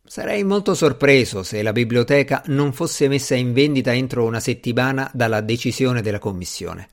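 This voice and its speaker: A man reading a bored, aloof gentleman. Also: mid-range voice, lively intonation, moderate pace, natural voice. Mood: dismissive. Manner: languid, dismissive. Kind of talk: audiobook character reading.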